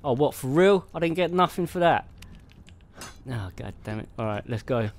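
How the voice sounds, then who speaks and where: A man's voice: mid-range voice, animated, moderate pace, a little hiss or hum. A man giving casual, chatty commentary as he plays a game, laughing and muttering to himself. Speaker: gamer playing solo. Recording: game music playing faintly behind. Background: faint game music.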